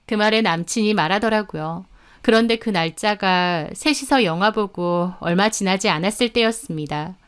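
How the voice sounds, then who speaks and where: A woman with a mid-range voice tells a first-person story at a moderate pace, her tone clean. She delivers it indignantly and dramatically, as though telling listeners about a betrayal.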